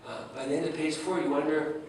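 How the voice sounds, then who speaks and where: A man's voice: a little high, little pitch movement, fast talker, a little hiss or hum. Man lecturing in an echoey hall. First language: French. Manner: engaging, asks the audience rhetorical questions. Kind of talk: humorous academic lecture. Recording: echoey hall, distant mic, faint ambience.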